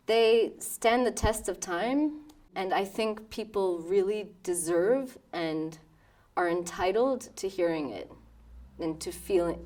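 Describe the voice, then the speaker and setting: In a documentary interview, a New York woman in her thirties with an American accent reflects on her life as a pianist. Her voice is on the low side and recorded from a distance. She speaks thoughtfully, with soft laughs and restarts.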